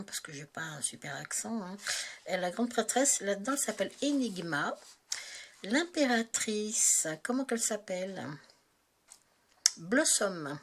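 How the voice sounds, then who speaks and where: Woman host, casual deck review, hesitant and rambling, faint room hiss. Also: mid-range voice. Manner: chatty, hesitant, searching aloud with many restarts. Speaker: tarot video host.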